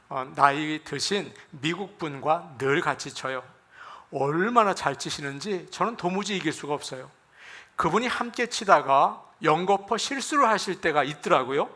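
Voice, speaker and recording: Korean pastor preaching with a bright voice. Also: male voice, fairly high pitch. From South Korea. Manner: gentle, conversational preaching with acted quotes. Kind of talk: sermon.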